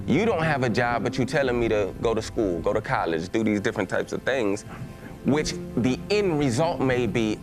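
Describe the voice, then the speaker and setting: Speaking in a mid-range voice, a Southern-accented pastor from Texas gives his church a conversational personal testimony. He frequently starts over and fills his speech with fillers.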